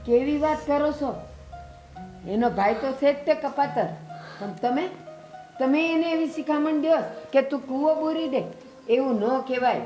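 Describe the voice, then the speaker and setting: A woman's voice: lowish voice, moderate pace, close to an everyday voice. An actress playing a protective elderly village mother, speaking bluntly with a Kathiawadi Gujarati accent. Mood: indignant. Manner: scolding, blunt. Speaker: actor. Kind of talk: village family drama acting. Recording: soft music under the voice.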